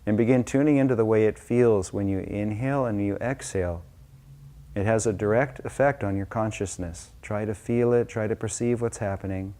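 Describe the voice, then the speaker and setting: This man teaches meditation, offering slow, gentle guidance off the cuff. His tone is warm and mellow, with a slightly low pitch.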